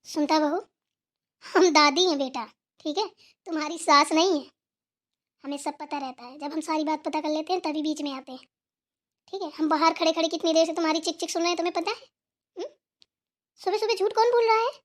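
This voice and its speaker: A woman's voice: high voice, brisk, pauses often, lightly acted. A woman voicing a stern elderly grandmother who scolds her daughters-in-law in an authoritative tone.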